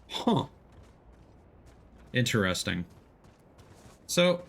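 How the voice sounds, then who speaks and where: Over the sound of a video game, a man with a medium-pitched, slightly bright voice streams his play, explaining things casually and in an easygoing way as he goes.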